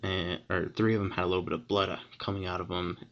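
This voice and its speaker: A teenage boy tells a story straight to his camera, rambling and excited, tripping over restarts and fillers. His voice sits low with a gravelly fry. The audio is dull and lo-fi, like a cheap webcam. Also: quick pace. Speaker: vlogger.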